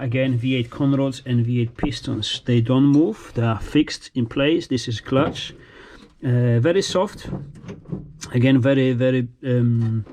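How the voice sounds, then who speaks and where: An Italian-born man with a mid-range voice speaks English as his second language, his first being Italian. He rambles casually through his race car, full of fillers and restarts as he shows it off.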